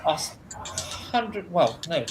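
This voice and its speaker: A man acting as game master, describing scenes in a tabletop game slowly with frequent ums and uhs. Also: sits high, sing-song, background noise. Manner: slow, halting with ums and uhs.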